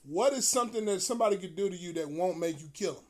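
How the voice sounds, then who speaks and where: High-voiced profane male storyteller. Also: quick pace. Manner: animated, profane, laughs often.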